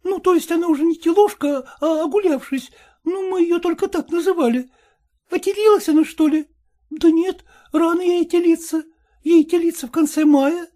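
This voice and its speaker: A man's voice: very high voice, fairly even intonation, normal speed, warm tone, voice pushed up. A male reader voicing an impatient young peasant woman who keeps pressing and pleading. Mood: chatty. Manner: pleading, insistent.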